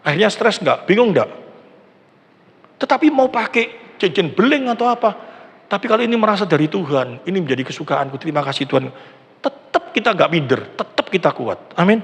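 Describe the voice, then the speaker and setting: A man's voice: high-pitched, big pitch swings, a little fast, creaky. A middle-aged male pastor with an East Javanese Indonesian accent, preaching a conversational sermon, acting out quoted voices and asking the congregation questions. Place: large church hall. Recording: long church hall reverb.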